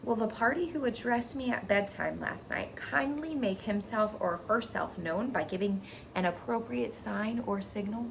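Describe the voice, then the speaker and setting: A woman's voice: medium pitch, moderate pace, gravelly, background noise, pitched above the performer's own voice, lightly acted. A woman voicing a young male pig who is earnest, polite and formal in a storybook reading. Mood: loud, formal. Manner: formal, emphatic announcing.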